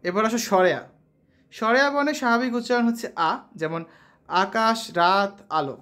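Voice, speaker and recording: A woman's voice: on the high side, expressive, a little fast, a bit bright. A woman teaching a lesson, explaining step by step, asking questions and answering them herself, and reading example words one by one. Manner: often checks understanding with a rising question. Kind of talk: classroom lesson on letter pronunciation.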